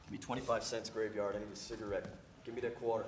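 A man's voice: on the low side, little pitch movement, quick pace, natural voice. A man as a nagging street hustler, echoey stage. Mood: pleading, nagging. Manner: slangy, insistent, flaring up loudly. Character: hot-tempered, nagging homeless street man craving cigarettes. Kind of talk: one-man stage play dialogue. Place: theater stage. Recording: distant, echoey theater stage, faint noise.

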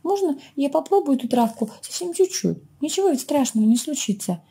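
A woman voicing a small, frightened boy bear cub in a children's storybook reading, talking in a high, pleading, childlike way. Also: very animated, fairly quick, mellow. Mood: frightened, eager.

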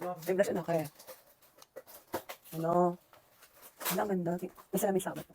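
A woman's voice: on the low side, steady tone, normal speed, dark tone, slight background noise. Gushing chatty woman unboxing gifts. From Philippines. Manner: chatty, gushing, mixes English into her talk. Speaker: vlogger opening birthday gifts. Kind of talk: casual unboxing vlog.

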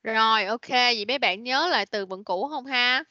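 A woman runs an online English class in a bright, clear voice, patiently prompting her pupils. The sound is dry and a little dull, like a call picked up by a computer mic. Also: fairly high pitch, normal speed, dry recording. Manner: patient, prompting, mixes English words into explanations. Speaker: English teacher. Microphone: computer mic on a video call.

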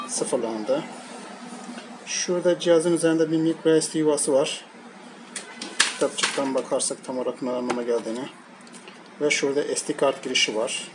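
At a tabletop indoors, a man of medium pitch reviews products, picking items up and describing them piece by piece in a halting, off-the-cuff manner. It's a noisy amateur recording made at home, with background noise clearly audible.

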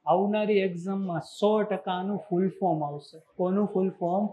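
A man teaching an exam coaching class, firing quick questions at the students and answering them himself. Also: high-pitched, steady tone, lo-fi sound, a crowd in the background. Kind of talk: classroom lecture.

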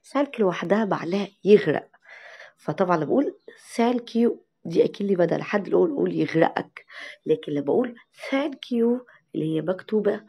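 A young woman with an Egyptian Arabic accent teaching an English lesson to parents, stretching out English words slowly to show how they are said. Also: fairly low pitch, gravelly, mellow, husky. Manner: slow, drawn-out model pronunciation of English words.

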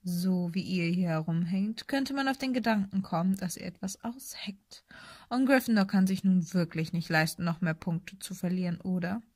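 A woman voicing a sly, menacing male teacher who speaks softly and silkily. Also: on the low side, normal speed, no room sound, clean studio sound. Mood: silky menace. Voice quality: soft, silky, threatening.

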